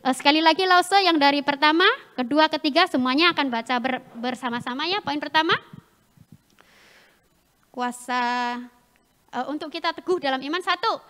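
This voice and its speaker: Indonesian lady teaching sunday school, lively call and response with kids, long echo. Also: high voice. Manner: lively, leads children in call-and-response reading. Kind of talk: children's Sunday school lesson. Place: church hall.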